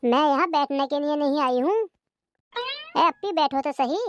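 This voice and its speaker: A woman's voice: high-pitched, moderate pace, very noisy, lightly acted. A woman voicing a young married daughter in a cartoon comedy, who stands up for her mother. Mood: scolding. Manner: concerned, then confrontational.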